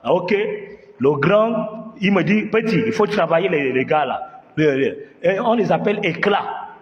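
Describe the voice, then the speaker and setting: Animated man telling a comic tale. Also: high voice, normal speed, long reverb tail, muffled recording. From Gabon, Bitam area. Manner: animated, acts out scenes with voices and sound effects; asks the audience questions. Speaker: comedian storyteller. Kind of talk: comic storytelling monologue.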